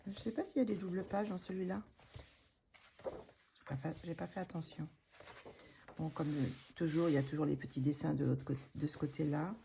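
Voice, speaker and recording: A woman casually showing her coloring books, hesitant with many fillers and restarts, gently self-deprecating. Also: sits low, fairly even intonation, a little fast, creaky, long pauses, background noise. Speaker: coloring book vlogger.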